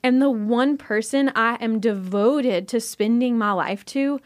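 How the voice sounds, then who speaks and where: Earnest woman telling a hard story. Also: a little high. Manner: earnest, fast, halting with restarts. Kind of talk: emotional personal storytelling.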